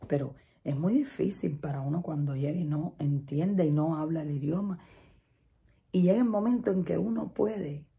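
A woman's voice: low-pitched, normal speed, creaky, warm tone. A middle-aged Spanish-speaking woman telling a chatty personal story, laughing often and repeating herself. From Latin America. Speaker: vlogger.

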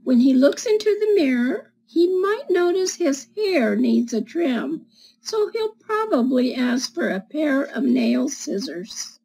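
A storyteller in her seventies reads a children's picture book aloud to schoolchildren, deliberately explaining the pictures and asking gentle questions. Her voice sits high with big pitch swings. She's captured by a desk-distance webcam in a small indoor room with bookshelves, and the recording quality is low.

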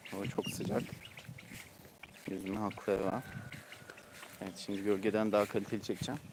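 A man with a lowish voice talks casually outdoors, coaxing and cooing at his ducklings while asking viewers to subscribe. Loud outdoor noise and animal sounds run underneath his voice. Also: steady tone, fairly quick. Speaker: YouTuber showing his ducklings. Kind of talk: casual vlog narration. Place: outdoors in a hot yard.

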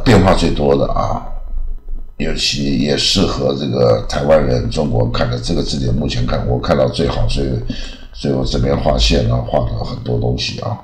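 A man's voice: extremely low pitch, roomy sound, rough recording. A man from Taiwan giving a casual, rambling English lesson, full of filler particles and restarts. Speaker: English teacher.

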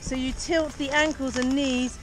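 A woman's voice: high voice, fairly even intonation, normal speed. A cheery, encouraging woman coaching a beginner as a ski instructor, calling out instructions and explaining to the camera. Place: outdoors on a busy ski slope. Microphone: action camera held or worn. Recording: noisy outdoor action-camera sound.

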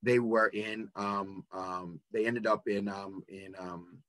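Male presenter, bright and forceful tone, dry close sound; educational talk, halting delivery with many fillers. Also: on the low side, steady tone, no echo. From Nigeria and the United States. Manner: halting, full of ums and restarts. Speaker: webinar presenter. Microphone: video call.

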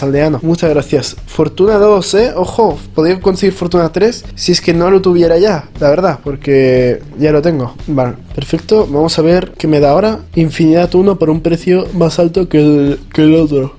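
A man's voice: mid-range voice, warm tone. A young man with a Spain Spanish accent, chatting casually as he plays and exclaims at the game. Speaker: gaming youtuber. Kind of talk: casual gameplay commentary.

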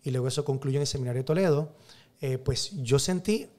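A man's voice: medium pitch, a little fast, a little mellow. A man who is a priest, telling a personal story emphatically in an interview and acting out the dialogue.

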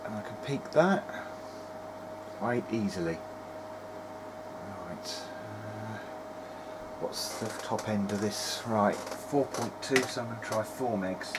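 Muttering short, halting remarks to himself, a man gives a casual running commentary as he tests electronics for his hobby video diary. His voice is on the low side and animated, recorded at a small cluttered workbench with clear workshop noise behind him.

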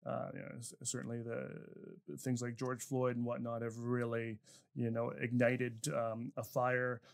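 A man's voice: mid-range voice, completely flat delivery, moderate pace, creaky. A man hosting a podcast interview, talking casually with many fillers and restarts. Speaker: podcast host.

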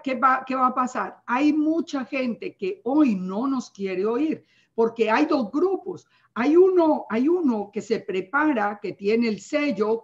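A woman giving earnest, emphatic Bible teaching in a sermon style, often asking her listeners rhetorical questions. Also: a little high. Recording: dull lo-fi recording.

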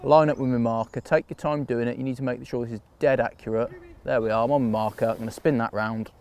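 A man from England, an angler, calmly talking through bait mixing and feeding his swim outdoors on a canal bank in a practical fishing how-to. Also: mid-range voice, fast talker. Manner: relaxed, practical, talks through each step. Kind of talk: instructional fishing demonstration.

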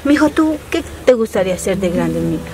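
A woman gently talking with young children during a charity visit, soothing them with tender words. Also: medium pitch, very animated, brisk. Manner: gentle, soothing, calls the children dear ones. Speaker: charity visitor interviewing a family. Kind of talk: emotional field conversation with children. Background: music score.

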